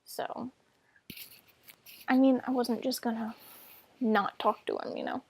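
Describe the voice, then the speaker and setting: A woman's voice: on the high side, fairly even intonation, takes it slowly, darkish tone, slightly rough. A young woman in her twenties telling a personal story on her vlog, casual and sarcastic, defending herself with lots of filler words.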